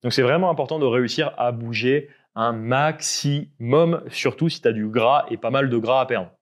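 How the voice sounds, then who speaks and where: A young man coaching fitness in a casual, explanatory way, with a voice of ordinary middle pitch. He lays out each point for the viewer and keeps checking that they follow. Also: normal speed.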